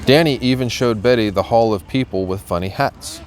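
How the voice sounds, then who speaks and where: A middle-aged American police officer, visiting as a guest reader, reads a children's storybook aloud. His voice is medium-pitched at normal speed, with background noise.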